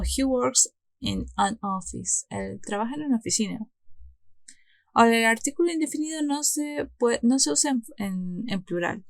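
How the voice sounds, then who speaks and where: A woman teaching English grammar in Spanish, explaining step by step with frequent restarts and reading the English examples slowly. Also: mid-range voice, gravelly, no echo. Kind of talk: online grammar lesson.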